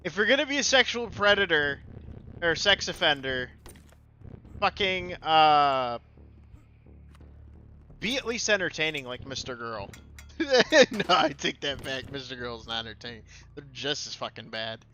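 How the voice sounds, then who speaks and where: A young man streaming a shooter game, talking in a bright, slightly high voice. He complains and swears in a sardonic, casual way. A faint hiss of noise sits behind him. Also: expressive, normal speed. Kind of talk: casual gameplay commentary.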